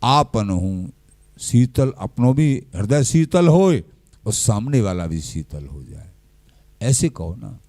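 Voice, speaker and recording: A man giving a slow, measured devotional discourse, often quoting scripture verses. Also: on the low side, no room sound. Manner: slow, measured, quotes verses and scripture in a lively rise and fall. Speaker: spiritual teacher.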